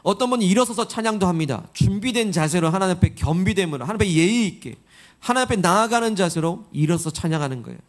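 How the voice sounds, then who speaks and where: A man with a notably high voice preaches in a church sanctuary. He speaks earnestly, drawing his congregation in with questions and call-and-response. The tone is that of a pastor leading a sermon. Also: animated, fast talker.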